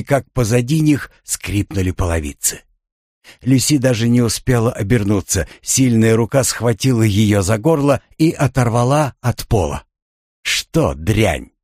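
A man narrating a thriller audiobook in a measured, even storytelling delivery. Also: fairly low pitch, no room sound, clean studio sound.

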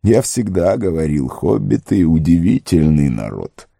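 A man voicing an old wise wizard in an audiobook, speaking gravely and slowly with a stern, commanding manner. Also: low voice, big pitch swings, mellow, no room sound, studio quality, full character voice. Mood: earnest warning. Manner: grave, slow and warning. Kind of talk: audiobook character reading.

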